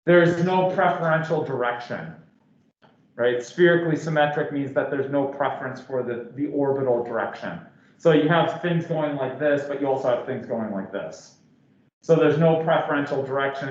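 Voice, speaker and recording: A man's voice: mid-range voice, normal speed, a little mellow. A man teaching a physics class with a sore throat and slightly slurred words, talking casually with lots of restarts and fillers. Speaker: physics lecturer. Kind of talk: classroom lecture. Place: lecture hall. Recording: echoey lecture hall, dull lo-fi sound.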